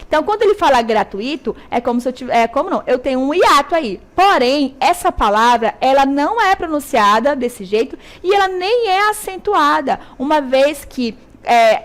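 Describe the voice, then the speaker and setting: A woman with a Brazilian Portuguese accent teaching a televised school lesson, checking in with her students often and slowly stressing syllables. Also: high voice. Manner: didactic, checks in with "tá?" and "certo?".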